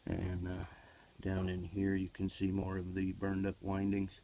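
Low-pitched and monotone, an HVAC technician speaks at a measured pace while plainly explaining a repair step by step, with frequent fillers. He films himself on a handheld camera in the basement furnace area and the workshop, against a noisy background.

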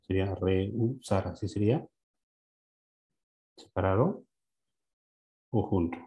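A man teaching a class, his voice fairly low and mellow. He keeps asking questions, checks each answer and repeats the words slowly. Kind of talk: classroom lesson.

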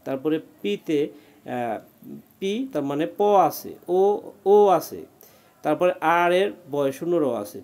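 A man's voice: on the high side, darkish tone. Patient man teaching spelling. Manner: patient, explains letter by letter and keeps checking "ঠিক আছে?". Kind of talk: spelling lesson in Bengali.

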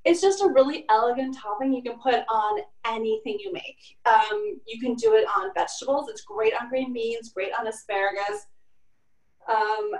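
Woman, high voice, chatty cooking demo, home kitchen, echoey and off-mic. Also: darkish tone, distant mic. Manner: chatty, lots of fillers like "like" and "kinda". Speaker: cooking instructor. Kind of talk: casual cooking demonstration. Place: home kitchen in an old apartment.

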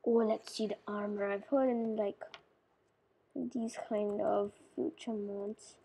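Husky, creaky voice mumbling through a game tutorial. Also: mid-range voice, fairly even intonation, slow pace, warm tone, rough recording. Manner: rambling, often trailing off into mumbles and whispers; loose and chatty, with many fillers and self-corrections. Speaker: gameplay tutorial maker. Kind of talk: casual game tutorial commentary.

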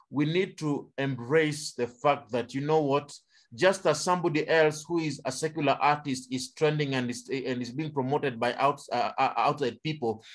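A man from Kenya on an online panel, speaking in a preaching manner and asking rhetorical questions. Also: a little high.

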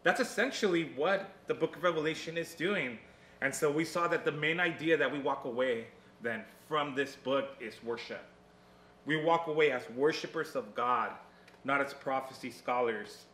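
A man's voice: on the high side, moderate pace, fairly bright tone, slight background noise. A man preaching a sermon recap as pastor, earnest and conversational, speaking around a cough drop in his mouth. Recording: echoey room.

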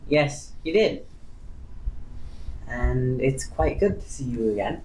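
A man's voice: mid-range voice, expressive, takes it slowly, darkish tone, rough recording. A man chatting casually as a player in a tabletop game, with a dry, hesitant manner.

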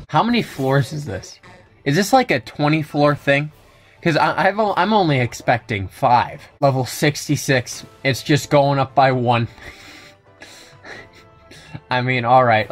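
A young adult man giving wry, joking commentary over a video game, often chuckling at his own asides. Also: mid-range voice. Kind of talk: let's play commentary.

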